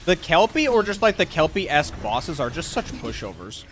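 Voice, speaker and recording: A man's voice: fairly high pitch, sing-song, normal speed, music in the background. A man livestreaming a video game, chatting casually, thinking aloud and swearing in slang as he plays. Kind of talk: casual live gaming commentary.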